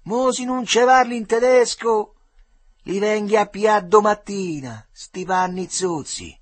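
A man voicing a rowdy, crude Roman slum boy who jeers and shouts in a husky Roman accent. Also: a little high, big pitch swings, no echo, pitched above the performer's own voice. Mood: shouting. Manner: shouting, drawn-out taunts.

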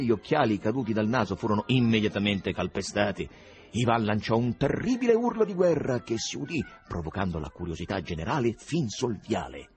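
A man reading a novel aloud as audiobook narration, in an expressive literary style. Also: deep voice. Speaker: audiobook reader.

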